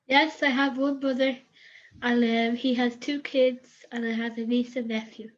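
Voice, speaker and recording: A woman's voice: a little high, level tone, normal speed, muffled recording. A cheerful, giggly woman with an Irish accent, a guest chatting on a video call with short answers. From Ireland. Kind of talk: casual video call chat.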